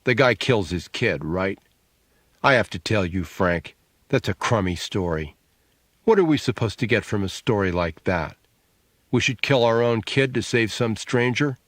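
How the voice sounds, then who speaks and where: A man voicing a sharp-tongued, sarcastic adult sister, needling and scornful, in an audiobook. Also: on the low side, lively intonation, unhurried, no echo.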